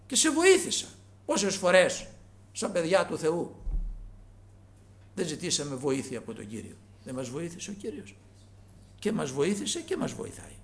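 A male preacher delivering a sermon with a high, gravelly voice. His pitch leaps up and down with animated swings. He moves from loud calls to hushed near-whispers. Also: long pauses.

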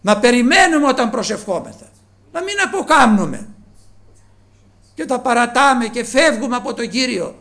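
Preacher, male, very high voice, earnest sermon delivery with soft and raised passages. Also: lively intonation. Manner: earnest, addresses listeners as brothers, swings between soft and raised.

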